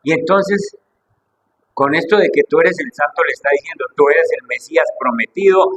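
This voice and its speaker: A male preacher with a husky voice, delivering an impassioned sermon that swings between soft asides and fervent high peaks. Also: moderate pace, low-quality recording. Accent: Colombian Spanish.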